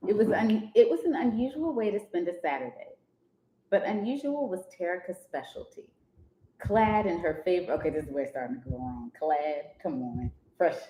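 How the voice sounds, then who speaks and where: Woman co-host, low voice, animated aside-heavy reading, faint background hum. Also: normal speed, reverberant, rough recording. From Columbia, Maryland. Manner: animated, joking, interrupts to critique. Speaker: podcast co-host. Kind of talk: reading a story aloud with commentary.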